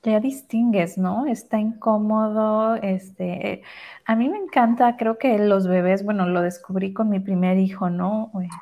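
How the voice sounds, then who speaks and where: A woman's voice: mid-range voice, steady tone, a little slow, dark tone. A mother co-hosting a casual conversation, telling personal stories in a chatty way. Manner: chatty, anecdotal. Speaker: co-host, mother.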